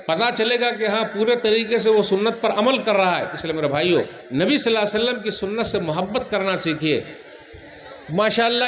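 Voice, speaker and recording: A male Islamic preacher delivering a sermon to a large gathering, teasing the crowd with questions and reciting hadith quickly. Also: high-pitched, a bit bright. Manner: asks the crowd questions, jokes and teases.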